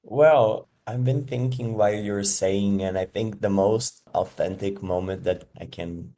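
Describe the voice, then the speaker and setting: A man's voice: lowish voice, a little slow, mellow. A man from Brazil, a podcast guest giving thoughtful answers while searching for words. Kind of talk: casual interview answers.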